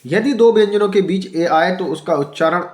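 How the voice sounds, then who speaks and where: A man with a fairly high voice gives an English reading lesson to children. He spells out each word letter by letter and repeats every point. He asks himself questions and answers them as he goes. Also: normal speed, darkish tone. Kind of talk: YouTube teaching lesson.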